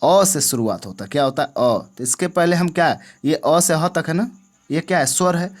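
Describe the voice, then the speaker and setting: A man with a slightly high voice teaches a grammar lesson. He keeps asking the viewer questions and checking that they follow. His delivery is patient and repetitive, the way a classroom explanation sounds. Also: normal speed.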